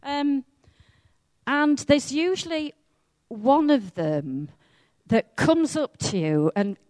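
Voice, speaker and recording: A woman from Wales with a Welsh accent, preaching a sermon in a chatty, self-mocking and lively way. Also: high-pitched, slow, dry recording.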